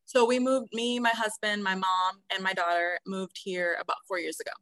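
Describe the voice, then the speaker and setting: A woman in her thirties, raised in South America, answering interview questions softly with many hesitant ums. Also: mid-range voice, fairly even intonation, moderate pace, no echo. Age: 30s. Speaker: podcast guest, nurse.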